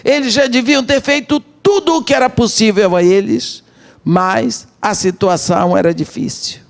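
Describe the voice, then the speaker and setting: A middle-aged woman with a Brazilian Portuguese accent, preaching a sermon as a missionary and telling the story dramatically in short, measured phrases. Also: fairly high pitch.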